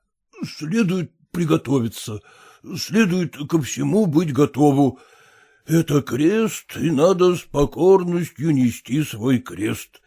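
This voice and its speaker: A man's voice: a little high, expressive, slow, gravelly, warm tone, husky, full character voice. A man reading an audiobook, voicing a gloomy, sentimental nobleman who sighs and exclaims. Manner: mournful, exclaiming. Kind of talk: audiobook character voice.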